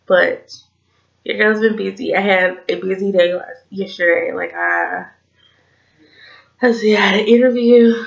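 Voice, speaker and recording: In a muffled recording, a gravelly, lowish-voiced young woman with a Southern US accent reviews TV casually on her vlog. She's in her twenties, tipsy and slightly slurring, rambling and swearing with plenty of "like" fillers.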